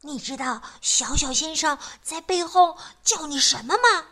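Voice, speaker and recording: A woman's voice: high voice, animated, a little slow, sharp tone, pitched above the performer's own voice, full character voice. A woman voicing a mischievous young girl who loves stirring up trouble, sly and gleeful in her teasing.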